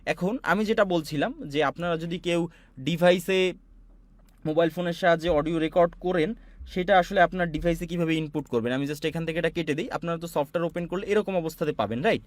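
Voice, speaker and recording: A man from Bangladesh giving an online class, walking students through audio software with patient, repetitive explanations. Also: on the high side, fairly quick, dry recording. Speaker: online course instructor. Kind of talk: screen-share software tutorial.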